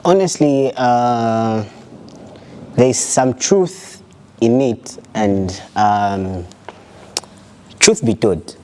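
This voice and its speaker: Slow-spoken Zambian director. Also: male voice, medium pitch, dark tone, a little hiss or hum. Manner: measured, mixes in local-language phrases. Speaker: music video director guest. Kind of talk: casual interview answers.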